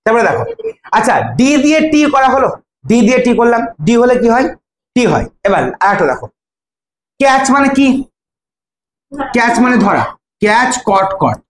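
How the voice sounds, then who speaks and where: A woman's voice: fairly high pitch, a little hiss or hum. Bengali woman teaching English spelling. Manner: spells words letter by letter, asks students questions. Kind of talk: classroom lesson in Bengali. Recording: echoey room with faint ambience.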